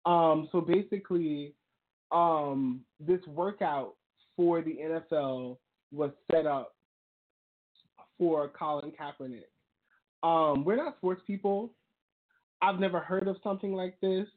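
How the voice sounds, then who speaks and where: A man's voice: fairly high pitch, slow pace, pauses often. A man co-hosting a talk show, explaining things in a chatty way full of "um" and "like.". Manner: chatty, many fillers like "um" and "like". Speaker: podcast co-host. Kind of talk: casual talk-show commentary. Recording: tinny phone-like call audio.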